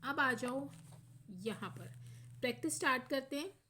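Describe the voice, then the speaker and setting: A woman teaching schoolchildren grammar, explaining step by step and often checking in, reading example sentences slowly. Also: high-pitched, animated, sharp tone, a little hiss or hum.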